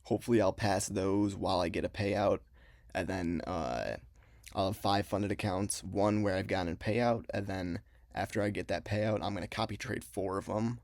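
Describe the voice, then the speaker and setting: Young male vlogger, low creaky voice, casual explainer delivery, mouth numb from dental work, close dry sound. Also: moderate pace, a little mellow, dry recording. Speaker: trading vlogger. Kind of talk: casual explanatory vlog talk.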